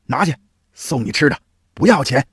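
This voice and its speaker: A man's voice: medium pitch, animated, moderate pace, breathy edge, no echo, studio quality. A man doing a weary, fed-up street cook. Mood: exasperated. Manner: weary, exasperated. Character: discouraged struggling roast-goose seller man.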